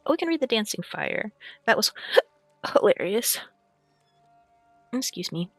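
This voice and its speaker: Hiccups keep interrupting this streamer and VTuber, who chats with the audience in a rambling way full of fillers and throat clearing, then reads a fantasy book aloud. The mid-range voice swings widely in pitch, is a bit bright, and moves at a moderate pace, with no room sound and faint background music.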